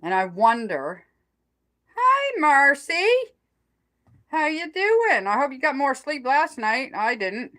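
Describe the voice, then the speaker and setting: A middle-aged or older woman chatting casually on a live stream, rambling and halting as she trails off mid-thought. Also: high voice, sing-song, bright, forceful tone.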